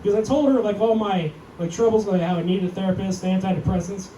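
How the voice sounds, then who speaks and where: A young man doing a stand-up comedy set, self-deprecating and deadpan, raising his voice when he acts out quotes. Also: sits high, fast. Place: comedy club stage. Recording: echoey club, mic heard from far, audience noise.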